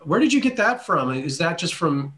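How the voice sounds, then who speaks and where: A man's voice: fairly high pitch, very animated, moderate pace, pushed and bright. A man hosting a podcast interview, talking in an enthusiastic, casual way and often repeating words as he goes. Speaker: podcast host.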